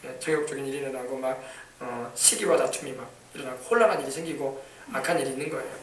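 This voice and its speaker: A man's voice: medium pitch, fast, slight background noise. A man pastor preaching a sermon with emphasis, often repeating words and calling out hallelujah. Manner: emphatic, repetitive, calls out hallelujah. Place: church sanctuary. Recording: echoey church hall from far off.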